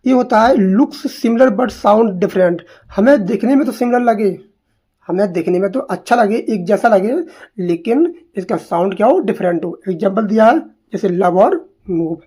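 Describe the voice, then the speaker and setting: A young woman teaches an exam-prep lesson on literary terms. She asks a question, answers it herself and repeats key words to drive them home. Her voice sits a little high. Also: darkish tone.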